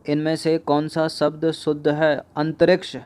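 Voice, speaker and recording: A male exam coach speaking, his voice sitting a little on the high side. He works through spelling questions one by one, saying each word over and over and asking the class which form is right. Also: monotone, unhurried, a little mellow, clean tone. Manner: repeats each word several times, asks students questions. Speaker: exam prep teacher. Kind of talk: spelling lesson explaining answers.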